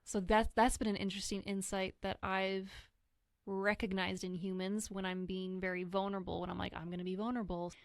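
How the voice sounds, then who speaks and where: A woman's voice: mid-range voice, little pitch movement, moderate pace, no echo, studio quality. A woman talking candidly and reflectively in a podcast conversation, sometimes acting out what other people said to her. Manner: earnest, reflective, acts out quoted voices. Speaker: guest sharing grief experience.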